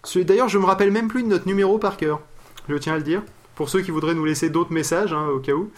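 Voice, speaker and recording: High-voiced casual podcast host. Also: male voice, fast. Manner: hesitant, laughing often.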